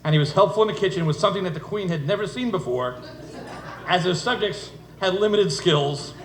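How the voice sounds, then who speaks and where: A middle-aged father of the bride with a fairly high voice gives a humorous wedding speech framed as a fairytale, speaking fairly quickly with dry wit. He's at an indoor reception venue, and the recording is echoey with noisy event ambience.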